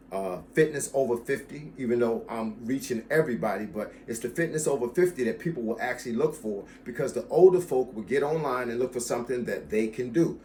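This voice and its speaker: A fitness coach in his fifties talks straight to his viewers in a steady, mid-pitched voice. He hammers home each point by saying it again, with an easy, casual warmth toward his audience. A faint hiss sits under the recording. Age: 50s. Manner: emphatic, repeats key phrases, addresses viewers as y'all. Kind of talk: casual talk to camera about his channel.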